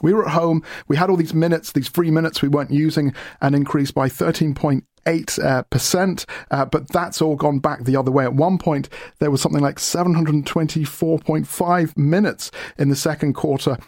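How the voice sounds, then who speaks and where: A man, hosting a radio feature and asking people lively questions. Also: a little high, normal speed, dry recording. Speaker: reporter and host. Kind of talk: radio feature and street interviews.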